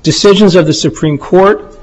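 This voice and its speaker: A man making a formal legal argument in a courtroom, speaking deliberately and deferentially as an appellate lawyer. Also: high voice, darkish tone. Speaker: lawyer arguing an appeal. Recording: dull, muffled courtroom recording.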